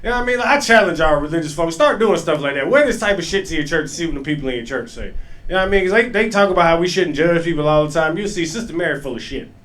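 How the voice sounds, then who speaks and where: A male stand-up comedian with works a club stage. His voice sits a little high, and he talks loosely and profanely, laughing through his own stories. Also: expressive, fast talker, fairly bright tone. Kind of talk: stand-up set.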